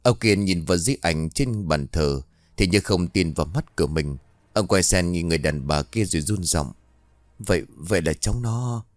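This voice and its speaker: Male storyteller, very low voice, dry close read, measured. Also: no room sound. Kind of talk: scripted ghost-story narration.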